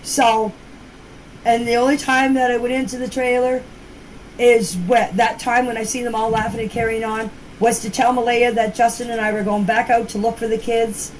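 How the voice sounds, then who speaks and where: Recorded as a noisy, amateur phone voice message, this older woman speaks at normal speed with a fairly high pitch and a level tone. She recounts events informally, in a hesitant and repetitive way, as her own account.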